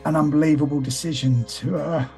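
A man with a croaky voice, close to tears, talking haltingly and personally about music that matters to him. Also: fairly high pitch, steady tone, a little mellow. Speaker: guest sharing favourite songs.

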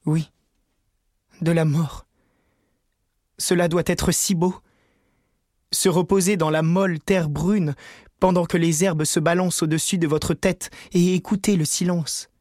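A man's voice: on the high side, fairly even intonation, a little slow, long pauses, a little mellow, no echo, clean studio sound, close to an everyday voice. A man voicing a weary, sorrowful old male ghost who speaks in a dreamy, mournful, pleading way.

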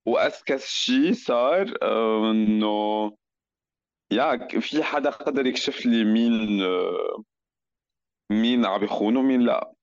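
A man's voice: lowish voice, unhurried, no echo, dull audio. A man with a Levantine Arabic accent chatting casually as a guest, searching for words and mixing in some English. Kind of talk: casual chat.

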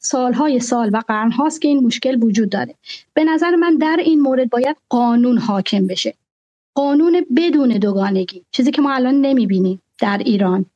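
A woman guest in a discussion, stating her views earnestly and in a measured way, and repeating her points. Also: on the high side, warm tone, lo-fi sound. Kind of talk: discussion with a host.

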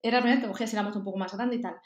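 A woman's voice: medium pitch, steady tone, racing, reverberant, dull audio. A woman with a Spain Spanish accent, telling her stories as a podcast guest and acting out her own self-talk. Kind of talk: casual conversation.

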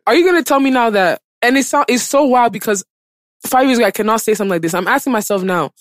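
A woman's voice: on the high side, expressive, fast talker, dry recording. Casting: woman podcast host, impassioned and conversational, emphatic repetition, very dry recording. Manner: emphatic, repeats phrases for stress. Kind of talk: impassioned casual podcast talk.

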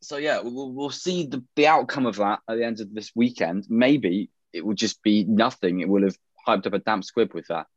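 A man's voice: on the low side, normal speed, few pauses, no room sound. A man co-hosting a casual chat, wry and opinionated, with plenty of "um"s. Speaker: podcast co-host. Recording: dry, dull lo-fi sound.

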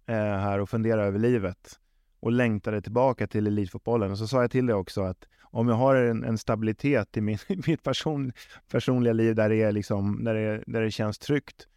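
A man's voice: lowish voice, a little mellow, smooth, dry recording, studio quality. A man answering interview questions in a conversational way, often repeating and rephrasing words as he reasons things through. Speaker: football club sporting executive, interviewee.

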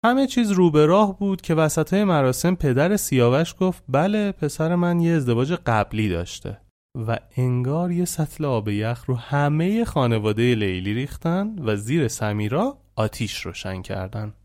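A man's voice: fairly high pitch, very animated, a little mellow. A man narrating a true story he was told, in a colloquial, reflective storytelling manner.

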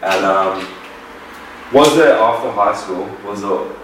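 A young Australian man with a low voice hosts a casual chat, swearing freely and chiming in with constant yeahs. He sounds a step away from the microphone in a very echoey room with a faint hiss behind him. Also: fairly bright tone. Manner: chatty, swears freely, many quick agreements. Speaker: podcast host. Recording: echoey room, distant mic.

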